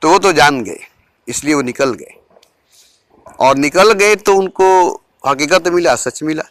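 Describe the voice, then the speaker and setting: Spiritual teacher, male, slightly high bright voice, dry close sound, unhurried phrasing with repeated lines. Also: no echo. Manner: measured, repeats key phrases for emphasis. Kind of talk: informal spiritual talk.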